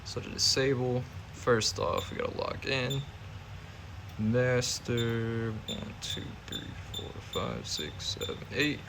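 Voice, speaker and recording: A man's voice: medium pitch, takes it slowly, vocal fry, noisy background. A man giving a casual hands-on demonstration, narrating each step informally as he goes. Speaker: fire alarm hobbyist demonstrator.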